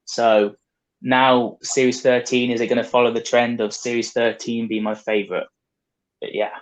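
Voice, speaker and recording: A man speaking as a podcast guest, in a measured, hesitant way with ums and restarts. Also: medium pitch, little pitch movement, low-quality recording. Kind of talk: casual chat.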